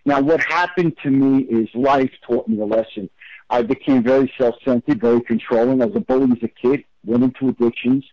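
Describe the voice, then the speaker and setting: Male guest, candid and heartfelt, halting delivery, muffled dry radio sound. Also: medium pitch, no echo. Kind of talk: personal storytelling in interview.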